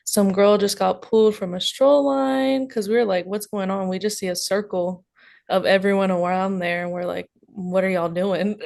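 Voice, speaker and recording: A woman's voice: medium pitch, a little mellow. Matter-of-fact woman recounting events. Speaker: guest. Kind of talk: casual storytelling.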